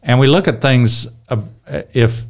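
A middle-aged man with a strong, darkish, medium-pitched voice leads a casual Bible study, speaking unhurriedly. He rambles and keeps restarting his sentences.

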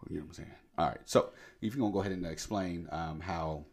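A man co-hosting a late-night radio show. His voice sits very low, and he talks in loose, rambling banter, laughing easily between thoughts. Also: fast, darkish tone.

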